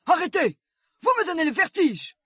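A man voicing a furious, bossy storybook queen in a shrill, piercing, commanding voice. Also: big pitch swings, moderate pace, no echo, studio quality. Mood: furious, shrieking. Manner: imperious, shouting orders. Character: furious bossy shrill Queen of Hearts, playing-card tyrant.

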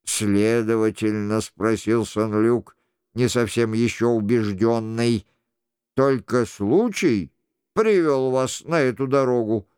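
A man's voice: mid-range voice, slow, a little mellow, clean tone, no room sound, clean studio sound, pitched below the performer's own voice, natural voice. A man reading the part of a hot-tempered young nobleman who swears boldly and speaks warily in a storybook reading. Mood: wary.

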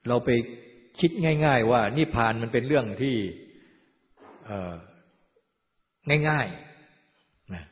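Man, dharma teacher, calm sermon voice, muffled lo-fi sound, long hall echo. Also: medium pitch, slow pace, pauses often. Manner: calm, repeats a gentle "na" between points. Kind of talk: dharma talk.

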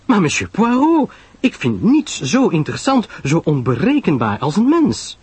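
A man voicing a chatty, nosy young society woman who gushes in a high, lilting voice. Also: huge pitch swings, normal speed, a little mellow, husky, dry recording, heavily acted. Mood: insistent. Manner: breathless gushing, high and lilting.

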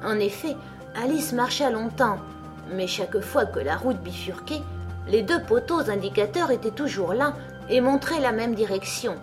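A woman reading a storybook aloud as narrator, calm, measured and expressive. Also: fairly high pitch, over music. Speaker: audiobook narrator.

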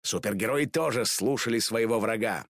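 A man reading a children's storybook aloud in an animated, expressive way. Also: lowish voice, moderate pace, dry recording, clean studio sound. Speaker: narrator.

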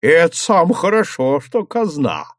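Мужчина озвучивает деревенского бородатого мужика, который говорит по-простецки и громко. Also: male voice, fairly high pitch, wildly swooping pitch, measured pace, no echo, clean studio sound, pitched above the performer's own voice, heavily acted. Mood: cheeky. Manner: folksy, loud greeting. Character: rustic bearded peasant man, cheeky.

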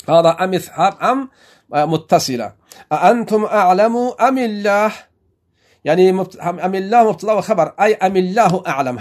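A man from Afghanistan teaching a lesson on Quranic exegesis and Arabic grammar, explaining each phrase in a measured way with frequent restarts. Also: high voice.

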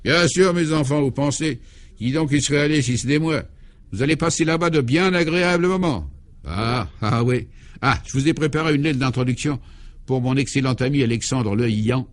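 Here Clovis du Tilleul, the eccentric and jovial 64-year-old former priest from an old-style French radio comedy, is voiced by a man speaking at normal speed in a natural voice. He sounds fatherly and exuberant, talking up high.

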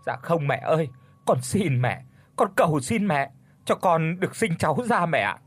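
A man's voice: on the high side, lively intonation, normal speed, husky, no room sound, pitched above the performer's own voice. Young pregnant wife, put on by a male narrator, pleading and tearful, in a dry storybook read.

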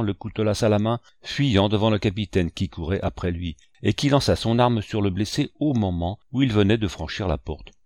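A man narrating a classic adventure audiobook in a measured storytelling manner. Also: on the low side, a little mellow, dry recording, studio quality. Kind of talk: scripted narration.

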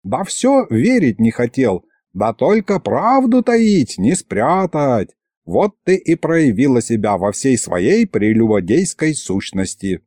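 A man voicing a jealous old grandfather who mutters in a creaky, sarcastic way. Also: on the high side, very animated, normal speed, dark tone, dry recording, clean studio sound, pitched above the performer's own voice. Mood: mournful.

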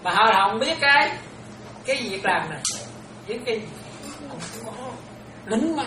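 A woman's voice: a little high, expressive, a little slow. A Buddhist nun gives an informal dharma talk, chatting and often checking that her listeners are following. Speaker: Buddhist nun teaching disciples. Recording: roomy, distant, noisy room recording.

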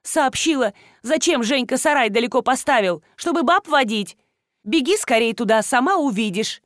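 A woman doing a shrill, jealous farmer's wife. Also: animated, moderate pace, a bit bright, no room sound, studio quality. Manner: high, shrill and pleading. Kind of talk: audiobook dialogue.

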